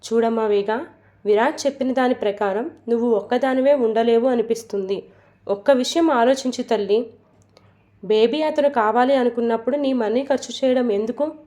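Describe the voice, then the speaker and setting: A woman voicing a patient middle-aged male lawyer who reasons gently with a quarrelling couple in a storybook reading. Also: fairly high pitch, normal speed, close to an everyday voice. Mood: calm, persuasive. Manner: soothing, reasoning, fatherly.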